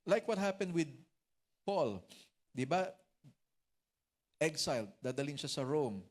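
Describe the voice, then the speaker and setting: A male pastor with a Filipino accent delivers a sermon in a fairly high voice. He moves between earnest teaching and humorous stories full of joking asides. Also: big pitch swings, slow.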